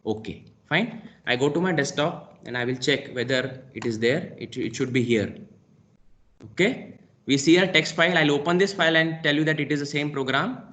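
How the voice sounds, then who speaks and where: A man with an Indian English accent, a lecturer walking through a software lab demonstration step by step and saying "okay" often. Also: on the high side, normal speed. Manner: talks through each click step by step, frequent "okay". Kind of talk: screen-recorded software lab demo.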